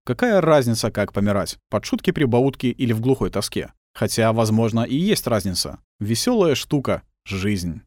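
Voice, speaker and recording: A man's voice: medium pitch, sing-song, moderate pace, few pauses, darkish tone, no echo, studio quality. A man reading a war novel aloud as scripted audiobook narration.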